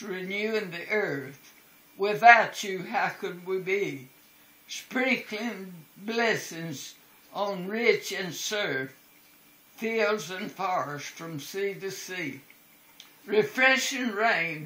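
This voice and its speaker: Sweet, slow-speaking elderly lady. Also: mid-range voice, a bit bright. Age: older. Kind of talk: slow, expressive poem reading. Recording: echoey home recording.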